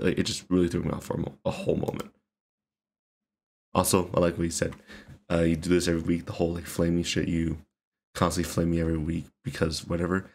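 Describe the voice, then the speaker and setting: A man's voice: sits low, darkish tone, slightly rough. A man giving casual reaction commentary, rambling with many fillers and casual swearing. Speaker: reaction video host.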